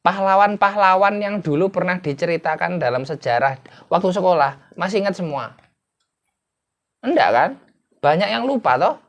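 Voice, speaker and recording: A man's voice: high-pitched, animated, moderate pace, highs cut off. A man giving an explanatory lecture as an English teacher, asking rhetorical questions and answering them himself.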